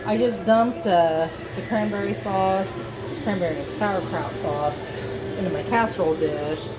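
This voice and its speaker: A woman's voice: lowish voice, moderate pace, rough recording. A tipsy, giggly drunk woman casually narrating her home cooking vlog, rambling, joking at her own expense and swearing casually. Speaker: home cook vlogger. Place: home kitchen. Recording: music playing behind the voice. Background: background music from TV.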